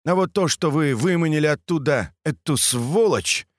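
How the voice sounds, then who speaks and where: A man voicing a cold, calm villain professor in an audiobook story, speaking mockingly. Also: a little high, normal speed, no room sound, studio quality, voice pushed up. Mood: cold menacing.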